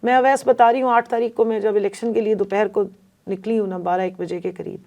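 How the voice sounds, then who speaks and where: A woman's voice: medium pitch, steady tone, darkish tone. A woman from Pakistan, a politician guest on a podcast interview, telling her story in an emphatic, earnest way.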